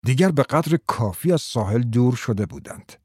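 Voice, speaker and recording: A man narrating a story in a measured, even way. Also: medium pitch, breathy edge, no echo, clean studio sound. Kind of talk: scripted narration.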